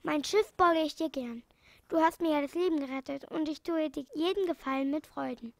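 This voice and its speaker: A woman's voice: sits high, brisk, creaky, no room sound. A woman reading a friendly old sailor. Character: friendly male sailor, generous and cautious. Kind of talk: storybook reading.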